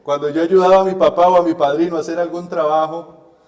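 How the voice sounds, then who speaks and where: A man's voice: on the high side, steady tone, fast talker, darkish tone. A middle-aged Costa Rican man preaching a sermon, telling his own testimony in a folksy, self-mocking way. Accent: Costa Rican Spanish. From Costa Rica. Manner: folksy storyteller, laughs at himself. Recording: echoey hall with long reverb.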